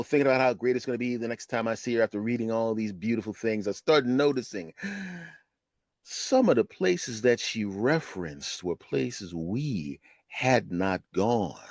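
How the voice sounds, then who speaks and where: A man in his fifties, a retired comedian, telling a personal story on his podcast in an animated, conversational way. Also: medium pitch, no room sound. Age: 50s. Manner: animated, conversational, keeps asking "right?". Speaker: podcast host.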